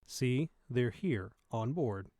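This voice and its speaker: A man's voice: medium pitch, expressive, slow pace, warm tone, no room sound, studio quality. A man playing a dismissive, money-minded spaceship salvage worker in a science fiction audio drama, practical and sarcastic.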